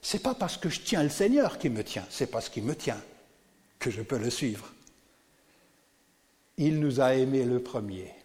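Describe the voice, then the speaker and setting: Animated preacher in an echoing hall. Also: male voice, mid-range voice, unhurried, pauses often. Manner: animated, asks the congregation questions. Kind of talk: sermon. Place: church.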